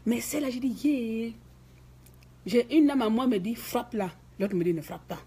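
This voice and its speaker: A woman's voice: a little high, expressive, normal speed, warm tone, breathy edge. A woman from Gabon, telling a story in an emphatic, indignant rant to her viewers, peppered with "hein". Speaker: vlogger. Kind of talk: ranting monologue to camera.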